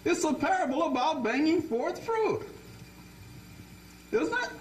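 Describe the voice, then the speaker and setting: A man's voice: very high voice, sing-song, measured pace, echoey room, a little hiss or hum, low-quality recording. A man preaching a Bible study sermon, often asking his listeners questions and repeating words as he restarts.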